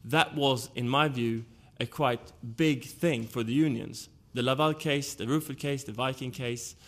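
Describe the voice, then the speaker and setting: A man's voice: mid-range voice, steady tone, a little slow. A man from Sweden with a Swedish accent, speaking as a panelist at a conference and laying out his arguments one point at a time. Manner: argumentative, lays out points in order.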